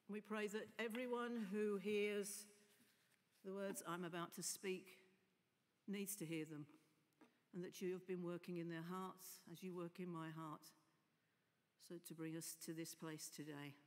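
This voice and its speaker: A middle-aged lay preacher stands at a lectern in a large stone church, delivering a sermon with prayer, her voice husky from a cough, fairly low, steady and a little slow. She drops chatty, informal asides to the congregation, picked up by the lectern mic with long church reverb.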